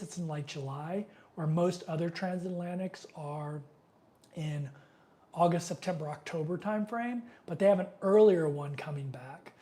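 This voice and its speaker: A middle-aged man, sniffly with a cold, hosts an informal live question-and-answer stream. His pitch is fairly high and his tone warm. The delivery is loose and meandering, heavy on fillers, and he reads out viewer comments.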